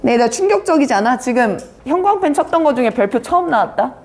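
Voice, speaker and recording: A woman teaching an English vocabulary class, brisk and teasing, quizzing students by name. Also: high-pitched, big pitch swings, a little mellow. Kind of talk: live online vocabulary class.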